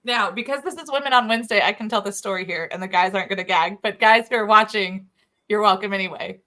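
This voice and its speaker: A middle-aged woman, co-hosting a show and telling stories in a chatty, animated way. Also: medium pitch, fast talker. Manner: chatty, laughs often, animated retelling. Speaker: show co-host. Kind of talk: casual storytelling chat.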